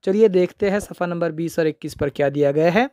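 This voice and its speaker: A man's voice: a little high, fast, darkish tone, no room sound, studio quality. A man teaching young children the alphabet, repeating each word and answering his own questions.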